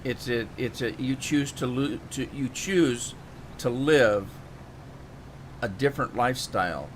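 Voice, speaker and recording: A man live-streams a farming game, chatting in a rambling, homespun way and often stopping to restart his thoughts. His mid-range voice is a little slow and somewhat worn, as if he's losing it. Faint noise sits beneath the desk-mic recording.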